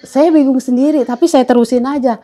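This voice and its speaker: A woman's voice: sits high, fairly even intonation, fairly quick, warm tone. A middle-aged woman giving a spoken testimony in a casual interview, talking in an earnest, rambling way with many fillers and restarts.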